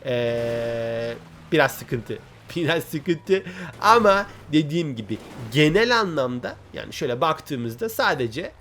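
A man hosting a gaming channel, giving chatty, excitable commentary and talking straight to his viewers. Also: mid-range voice, unhurried, slight background noise. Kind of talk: casual gameplay commentary.

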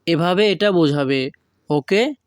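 Slow, high-voiced man teaching phrases. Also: smooth, no echo, studio quality. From Bangladesh. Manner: slow, drawn-out word-by-word pronunciation of foreign phrases. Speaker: language teacher. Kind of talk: language lesson.

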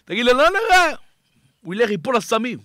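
Man, rabbi, very high bright voice, fiery sermon, loud pleas and hushed drops, dry close sound. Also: big pitch swings, no echo. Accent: Israeli Hebrew. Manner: shouting and pleading, sudden swings between loud and hushed. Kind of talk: impassioned sermon.

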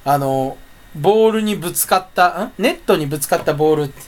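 A man's voice: on the high side, lively intonation, fast, darkish tone. A sleepy man with a stuffy nose rambling to himself in a casual solo chat, often correcting himself. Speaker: channel host.

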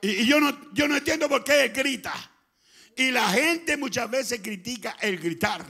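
Chilean male pastor, fervent shouting preacher, gravelly, high and bright. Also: animated, normal speed. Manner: fervent, often shouting, swings between loud and soft. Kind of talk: Pentecostal sermon. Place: church.

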